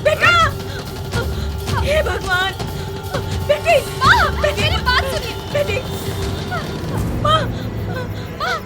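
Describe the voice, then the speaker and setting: A woman's voice: very high-pitched, sing-song, slow pace, pauses often, full character voice. An actress dubbing a desperate middle-aged mother of two in a film, pleading and crying out frantically. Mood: panicked. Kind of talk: Hindi film dub acting. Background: film score music.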